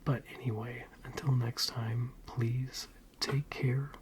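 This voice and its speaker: A man speaks in a soft, breathy half-whisper at a middling pitch, like a soothing ASMR creator. He rambles gently and hesitantly. There is light ambient noise behind the voice. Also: level tone, slow.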